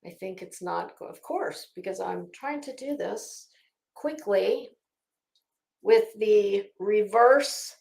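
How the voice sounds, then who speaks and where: Speaking slowly in a medium-pitched, creaky voice with a darkish tone, a woman hosts a casual livestream in a roomy-sounding space. Her delivery rambles and hesitates as she thinks aloud informally and reads legal documents out.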